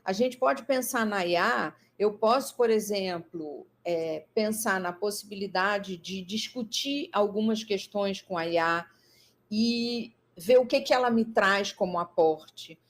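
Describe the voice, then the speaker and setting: A woman's voice: medium pitch, measured pace. A woman with a Brazilian Portuguese accent, a psychologist guest explaining her ideas in a conversational talk, thoughtful and full of fillers and restarts. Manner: thoughtful, many fillers and restarts, lively emphasis.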